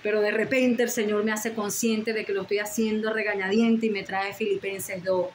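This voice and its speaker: A woman's voice: medium pitch, level tone, normal speed, echoey room, slight background noise. A woman preaching a sermon with fervent, repeated declarations and prayerful pleas.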